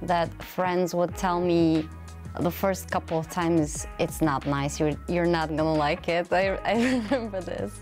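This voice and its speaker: A woman's voice: on the low side, unhurried, darkish tone, soft background music. A woman in her thirties, a native Bulgarian speaker talking in English, speaks earnestly and reflectively in a studio interview. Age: 30s. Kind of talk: to-camera interview. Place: studio with blue backdrop. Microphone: lapel.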